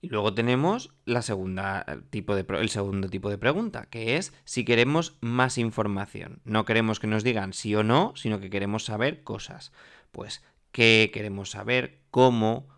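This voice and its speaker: A man with a fairly low, fairly bright voice speaks at normal speed while teaching French to Spanish speakers in a classroom. He explains patiently and checks in with the class often, frequently repeating "¿vale?" and "mirad."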